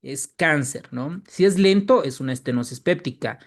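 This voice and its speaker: In an online lecture preparing students for medical exams, a fairly high-voiced man stays lively and hits important terms with emphatic rises in pitch. He repeats those terms and frequently tags his statements with brief checks for agreement.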